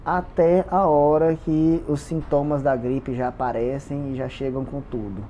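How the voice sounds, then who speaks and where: Speaking to camera in a casual confessional vlog, a man documents his fitness challenge, repeating words for emphasis. His voice is fairly high-pitched, stuffy, and congested, with a steady tone, a somewhat slow pace, and a dark timbre. The audio is dull with a little hiss or hum.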